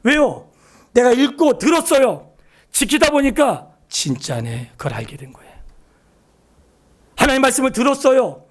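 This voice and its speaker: A man preaching a sermon in a church, acting out quoted voices and swinging between loud exclamations and hushed asides. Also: very high voice, sing-song, moderate pace, pauses often. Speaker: pastor. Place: church sanctuary.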